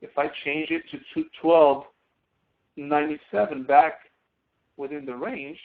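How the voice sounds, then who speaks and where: In a screen-recorded tutorial, a man with a slightly high voice walks through the steps unhurriedly, thinking aloud as he works. The audio is narrow-band and tinny, like a phone line.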